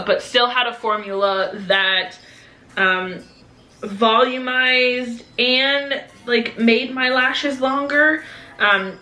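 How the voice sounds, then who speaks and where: A woman's voice: medium pitch, bright, forceful tone. A young woman vlogger chatting casually through a beauty haul, full of "um" and "like" fillers. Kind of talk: casual product haul review. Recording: echoey room with faint noise.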